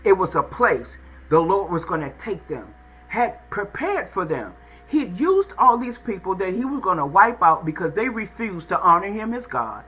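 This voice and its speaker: A man's voice: sits high, sing-song, moderate pace, bright, forceful tone, slightly rough, highs cut off. A man preaching a sermon, retelling a Bible story with dramatic, folksy storytelling and speaking straight to the congregation. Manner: dramatic storytelling, acting out God's and the people's words; folksy, addresses the congregation directly.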